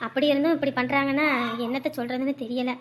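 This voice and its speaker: A woman doing a soft consoling mother. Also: high voice, steady tone, fast, noisy background, voice pushed down, lightly acted. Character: soothing middle-aged mother on the phone.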